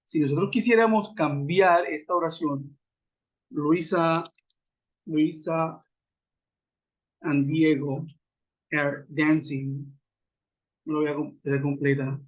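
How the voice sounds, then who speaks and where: A man's voice: a little high, steady tone, slow, long pauses. A man teaching an online English grammar lesson, methodical, spelling out letters and asking his class questions. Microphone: web conference audio. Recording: dull lo-fi web call audio.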